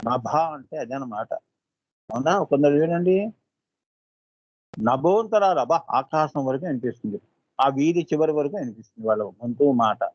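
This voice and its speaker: A man as a spiritual teacher giving a devotional discourse. He often asks his listeners "right?" and chants seed syllables slowly. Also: mid-range voice, lively intonation, darkish tone, no echo, dull audio.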